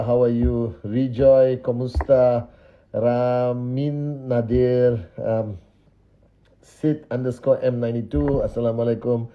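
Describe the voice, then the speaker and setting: A man's voice: medium pitch, phone-quality sound. A man hosting a casual live stream, cheerfully greeting viewers by name one after another. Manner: upbeat, reels off viewer names with quick greetings. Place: indoors, just back from a dinner.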